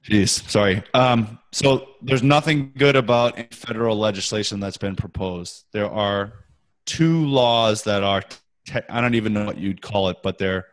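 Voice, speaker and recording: Over a breaking-up conference call, a guest expert on sales tax software fields questions in a fairly low voice, explaining steadily with lots of pauses and "um"s. The audio quality is poor.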